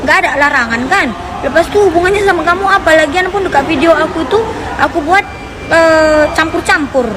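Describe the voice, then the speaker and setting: A woman's voice: extremely high pitch, a crowd in the background, noisy background. Indignant Indonesian woman ranting outdoors. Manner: indignant, rapid retorts. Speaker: TikTok poster. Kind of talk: heated rant to camera.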